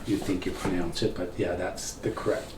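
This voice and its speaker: This middle-aged man from northern Ontario, whose first language is French, co-hosts a casual chat and explains things thoughtfully in a deep voice with little pitch movement at a moderate pace. He sits at a table in a wood-panelled cabin room with a crowd in the background. The recording sounds roomy and distant, with a faint hiss.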